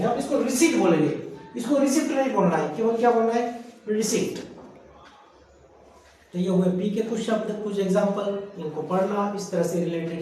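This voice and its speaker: A man with a fairly high voice teaches a grammar lesson, spelling each word out and saying it over and over. He asks his students questions and then answers them himself. He sounds set back from the mic in a strongly echoing room. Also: warm tone, a little hiss or hum. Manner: spells words letter by letter and repeats them. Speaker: English teacher. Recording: very echoey room heard from a distance.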